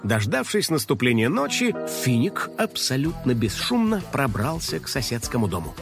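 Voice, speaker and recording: A man narrating a children's story in a lively, playful way. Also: medium pitch, moderate pace, vocal fry, music in the background.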